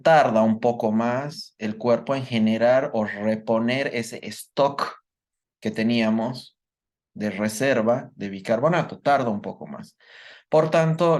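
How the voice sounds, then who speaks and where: A medical lecturer leads a live online workshop in a middle-pitched voice, taking each idea one step at a time. He frequently pauses to ask his students whether they have followed.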